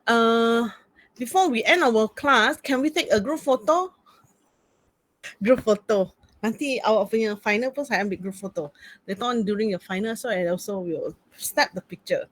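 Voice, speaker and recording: Using a computer video-call mic, a university lecturer runs a casual online class in colloquial Malaysian English peppered with Malay words and particles such as "lah." She has a Malaysian accent and a fairly high, slightly bright voice at normal speed. There's no room sound, but the recording is low quality.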